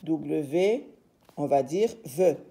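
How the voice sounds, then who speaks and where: A woman's voice: sits low, lively intonation, drawn-out words, creaky, mellow. A woman teacher giving a reading lesson, patiently sounding out letters and syllables one by one.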